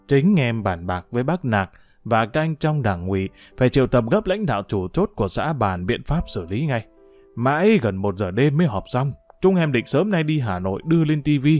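A man's voice: mid-range voice, darkish tone, no room sound, lightly acted. A man voicing a tearful village cultural officer who reports deferentially while sniffling.

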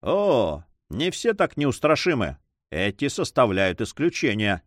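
Guy reading cocky coast guard captain, smug, pitch bouncing all over. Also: huge pitch swings, measured pace, no echo, studio quality. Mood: boastful. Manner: self-satisfied, swaggering. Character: boastful Spanish coast guard captain, man.

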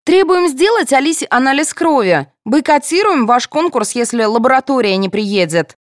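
A woman's voice: sits high, lively intonation, moderate pace, no echo, studio quality, pitched above the performer's own voice. A woman reading an audiobook, voicing a spiteful mother who sharply accuses a rival. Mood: demanding.

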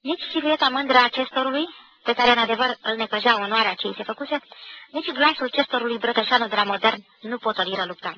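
A woman giving a measured, expressive literary reading of a novel for radio. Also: a little high, a little hiss or hum. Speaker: reader of a novel. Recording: dull lo-fi 1990 radio recording.

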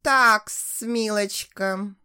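A woman's voice: medium pitch, bright, forceful tone, smooth. Woman doing a smug, oily rich man. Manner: oily, drawn-out, mocking. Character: smug wealthy middle-aged man, crude and arrogant.

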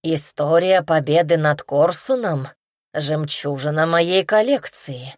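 A woman's voice: low voice, measured pace, darkish tone, no room sound, studio quality. A woman voicing a curt, grumbling, old-souled male companion in an audiobook.

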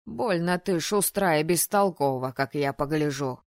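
A woman's voice: low voice, unhurried, no echo, studio quality, pitched below the performer's own voice. A woman voicing a grumpy, stooped old male ghost with a scratchy voice, scolding in an audiobook. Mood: stern. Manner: stern, scolding. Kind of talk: audiobook narration.

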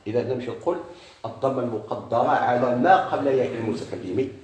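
A man's voice: medium pitch, quick pace, roomy sound, a crowd in the background. A man with a Moroccan accent teaching a grammar lesson, asking questions and answering them himself. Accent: Moroccan Arabic.

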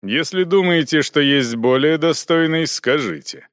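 A man reading an audiobook, voicing a stubborn knight inquisitor who speaks loudly and firmly in measured phrases. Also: fairly high pitch, animated, no room sound, studio quality, pitched above the performer's own voice. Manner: firm, loud, measured. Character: stern stubborn male knight inquisitor, bold.

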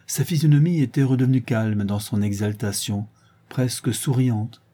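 A man narrating a classic novel as an audiobook in a measured, expressive reading. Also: mid-range voice, breathy edge.

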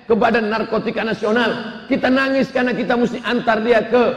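A man's voice: very high-pitched, steady tone, a little fast, pitched above the performer's own voice. A male preacher playing a stern middle-aged father who lectures his wife firmly and insistently. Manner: firm, insistent. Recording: echoey hall with long reverb.

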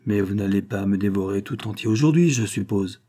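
A man's voice: fairly low pitch, a little fast, dark tone, husky. A man voicing a resolute older father. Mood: grim resolve. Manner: firm, with unbending energy. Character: older father calmly facing death.

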